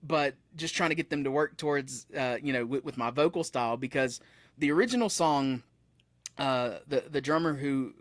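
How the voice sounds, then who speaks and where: Rambling casually through stories, a thirties-aged musician guest keeps correcting himself during a relaxed interview chat. He speaks at normal speed with a medium-pitched voice, recorded dry, in a room decorated with metal posters behind him.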